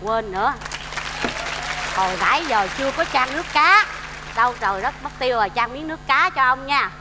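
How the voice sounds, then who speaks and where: A woman's voice: high voice, lively intonation, brisk, a loud crowd, heavy background noise. A woman with a Southern Vietnamese accent playing a forgetful, fussy old mother in a stage comedy sketch, talking in a flustered, scatterbrained and doting way. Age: older. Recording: reverberant stage with faint music.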